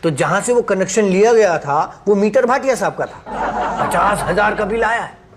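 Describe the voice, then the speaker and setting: A man plays a dismissive, matter-of-fact office clerk with a fairly high voice. Steady noise sits under the dialogue. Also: normal speed. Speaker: office colleague Pandey. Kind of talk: comedy sketch acting. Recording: noisy low-budget sketch audio.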